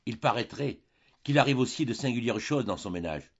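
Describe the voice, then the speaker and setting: A man's voice: mid-range voice, animated, brisk, husky, dull audio. A man doing a coaxing young baroness. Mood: soothing.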